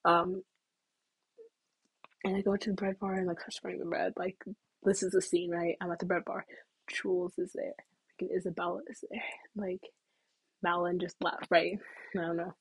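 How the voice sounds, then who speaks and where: A woman's voice: lowish voice, little pitch movement, normal speed, pauses often, husky, dry recording, poor audio. A young woman telling a casual story to camera, chatty and full of "like", sometimes dropping into whispers. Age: young adult. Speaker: vlogger.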